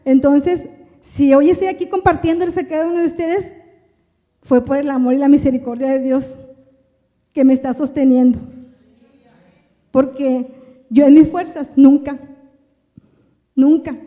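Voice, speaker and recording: A woman's voice: high-pitched, fairly even intonation, moderate pace, pauses often, warm tone, big-room sound. A woman giving an emotional testimony sermon to a church, repeating her phrases again and again. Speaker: church member preaching.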